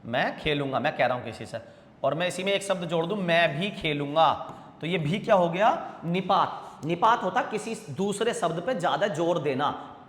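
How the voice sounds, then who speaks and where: Male exam-prep grammar teacher, higher pitch, drills answers by repetition, echoing room. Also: lively intonation, moderate pace, a bit bright. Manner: calls students 'bhaiya' and 'beta'. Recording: echoey room with long reverb.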